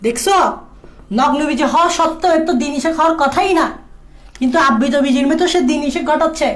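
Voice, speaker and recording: A woman's voice: high voice, fast. A woman tutoring biology for exams in a casual lecture, repeating key points and checking that students follow. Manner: repetitive, drilling key points. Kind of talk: exam-prep lecture.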